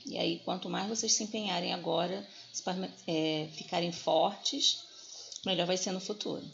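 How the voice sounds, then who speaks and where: A woman teaches a lesson with a clear, bright voice. She talks straight to her students and leans hard on each example. The recording is a little dull, with faint room sound behind her. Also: on the low side, steady tone, normal speed, a little hiss or hum. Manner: explanatory, addresses students directly, stresses examples. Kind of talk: online grammar lesson.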